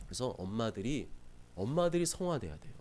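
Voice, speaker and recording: A male pastor preaching a sermon from South Korea, lively, acting out scolding parents in quick asides. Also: medium pitch. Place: church sanctuary.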